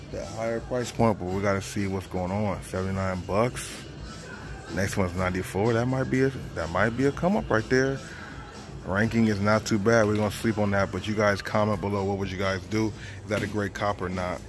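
A man in his thirties chatting casually to viewers while browsing a large store, filming on a handheld phone. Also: lowish voice. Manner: casual, chatty, thinking aloud. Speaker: reselling vlogger. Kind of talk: casual shopping vlog. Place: large retail store, indoors.

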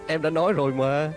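A man's voice: on the high side, close to an everyday voice. A man dubbing a playful, teasing husband in a TV drama. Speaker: dub actor. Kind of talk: Vietnamese dub of a TV drama.

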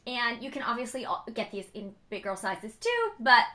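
A young woman talks chattily to her viewers from home, full of fillers and bubbly asides. Her voice is fairly high and very bright, with a raspy edge from a cold. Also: sing-song, moderate pace. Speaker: vlogger. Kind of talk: casual chatty vlog.

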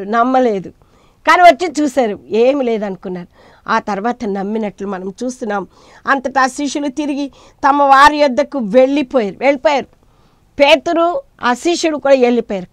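A woman preaching a sermon, swinging between loud cries and hushed asides as she retells scripture in quoted voices. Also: high-pitched, dry recording, studio quality.

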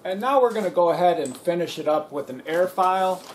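A man walks through auto body repair step by step in a plain, practical way. His voice sits a bit high for a man. The recording has a roomy echo and a faint hiss of noise behind it. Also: lively intonation, a little fast. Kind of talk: voice-over narration of a shop demonstration.

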